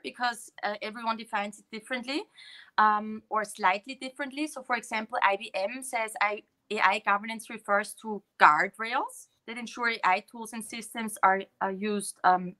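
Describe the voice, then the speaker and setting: A woman's voice: medium pitch, sharp tone. German-accented woman presenting slides. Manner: explanatory, many fillers and restarts. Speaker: guest speaker. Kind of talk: slide presentation on a video call.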